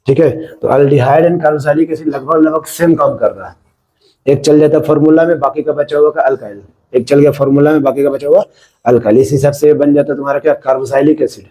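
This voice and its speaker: Mellow-voiced Indian man teaching chemistry. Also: a little high, fairly even intonation, fairly quick, rough recording. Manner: explains step by step, often checking "है ना?". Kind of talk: classroom-style lecture.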